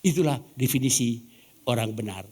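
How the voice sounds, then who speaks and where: A man's voice: mid-range voice, moderate pace, darkish tone, breathy edge. A man from Ambon, Indonesia preaching a sermon as pastor, asking the congregation questions and acting out quoted dialogue. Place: church.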